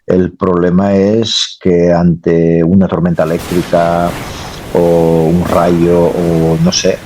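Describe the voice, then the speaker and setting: A man's voice: low-pitched, completely flat delivery, slow pace, dark tone, slight background noise. A man, a naval engineer, answering interview questions casually and rambling, often adding tag questions.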